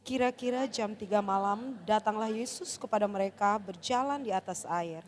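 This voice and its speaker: A woman's voice: medium pitch, moderate pace. A woman in a church congregation reading scripture aloud in turns with the pastor.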